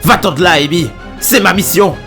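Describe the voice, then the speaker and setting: A man's voice: sits high, normal speed, a bit bright. A man voicing an earnest, determined young male hedgehog in an amateur French game fan dub, with music behind him. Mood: heated, determined. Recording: background music under the voice. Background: dramatic game music.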